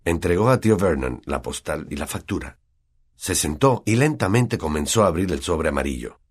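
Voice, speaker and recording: A male audiobook narrator with a Latin American Spanish accent and a deep, husky voice. He tells the story expressively, with lively rises and falls. The reading is steady and engaging. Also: normal speed.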